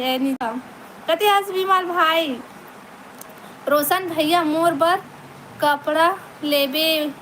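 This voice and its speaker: A woman from Chhattisgarh, India, with a Chhattisgarhi accent chats casually on her live stream through a phone mic, greeting viewers by name and laughing often. Her high voice has a fairly bright tone, and the rough recording carries a little hiss or hum.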